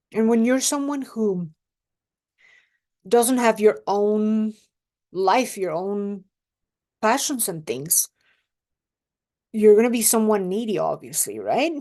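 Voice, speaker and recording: In a casual advice monologue to camera, a Mexican relationship coach, a young adult woman, talks in a slightly high, somewhat mellow voice. She takes her time, reflecting and frequently checking in with the listener.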